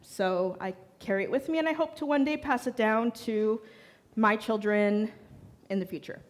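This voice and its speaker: A woman's voice: a little high, moderate pace. A young woman directing children's programs, talking casually to a congregation in a chatty, hesitant way with many fillers.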